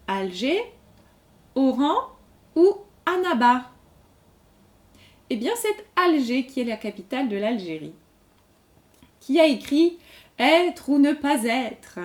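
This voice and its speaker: A woman's voice: high-pitched, darkish tone. A woman hosting a general-knowledge quiz, reading each question twice and patiently explaining the answer. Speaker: quiz host. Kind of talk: reading quiz questions aloud, slow and clear.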